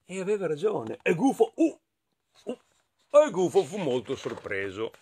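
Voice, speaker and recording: An expressive man with an Italian accent reads a picture book to children. His voice sits high and moves constantly, rising and falling with the story. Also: normal speed, gravelly, breathy edge. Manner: expressive, playful, talks to listeners.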